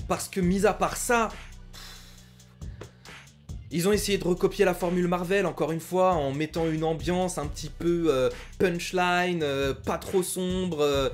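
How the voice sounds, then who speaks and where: A man's voice: high voice, fairly even intonation, measured pace, soft background music. A young man giving a frank, critical film review in a casual talk, with many filler sounds.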